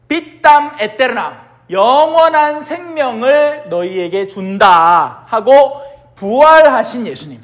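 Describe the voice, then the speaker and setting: A middle-aged man with a Gyeongsang accent telling Bible stories in a colloquial, animated catechism class. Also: high voice.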